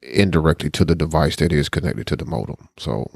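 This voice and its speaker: A man's voice: extremely low pitch, brisk, vocal fry, a little mellow, no room sound, clean studio sound. A man co-hosting a podcast, explaining tech topics in a loose, conversational way. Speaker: podcast co-host. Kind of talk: casual tech chat.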